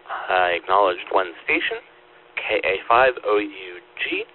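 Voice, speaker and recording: A man's voice: fairly low pitch, huge pitch swings, a little slow. A man speaking over two-way radio as a net controller, in a formal, procedural check-in style, repeating details back. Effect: two-way radio transmission. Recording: phone-like radio static and hum. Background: radio static and hum.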